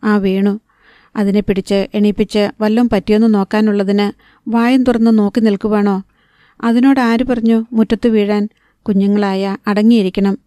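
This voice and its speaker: A woman voicing a sharp-tongued young woman in an audiobook, mocking and curt. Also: medium pitch, level tone, normal speed, dry recording, studio quality, lightly acted.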